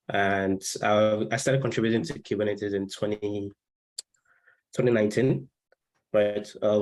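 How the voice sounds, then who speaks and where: A man with a low voice introduces himself casually during an online meeting. His delivery is easygoing, and he is heard over a video call. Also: darkish tone, poor audio. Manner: easygoing, chuckling. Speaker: engineer.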